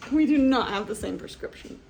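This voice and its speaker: Soft-spoken lady vlogging, kinda out of breath, whispers a lot, slightly high voice, bit of hiss. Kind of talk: casual vlog chat.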